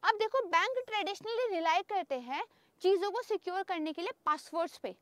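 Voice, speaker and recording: A woman's voice: very high voice, animated, fairly quick, fairly bright tone, no echo. A woman teacher giving a chatty exam-prep lecture, mixing in English terms and often checking in with her students. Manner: mixes English terms into explanations.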